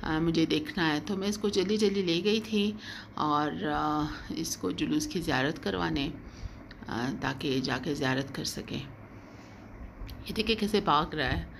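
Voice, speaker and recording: A middle-aged woman with a low-sitting voice narrates a casual home vlog slowly and hesitantly, often repeating her phrases. Home ambience can be heard, with clear background noise.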